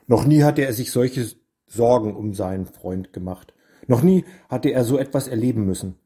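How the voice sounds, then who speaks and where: A man narrating a storybook in a measured, deliberate way. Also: on the low side, dark tone.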